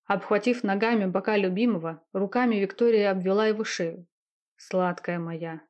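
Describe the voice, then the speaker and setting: A woman reading a romance novel aloud in a steady, intimate narrating voice. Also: mid-range voice, brisk, highs cut off.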